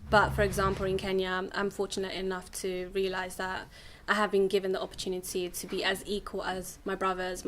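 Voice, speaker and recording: A young English woman appears as a guest in a casual studio interview. Her medium-pitched speech is flat, even and measured, with frequent ums.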